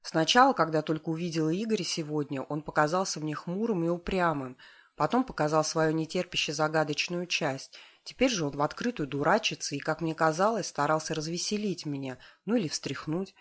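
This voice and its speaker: A woman's voice: sits low, animated, brisk. A woman reading a first-person novel aloud as an audiobook, with a wry, stubborn tone. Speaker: audiobook narrator.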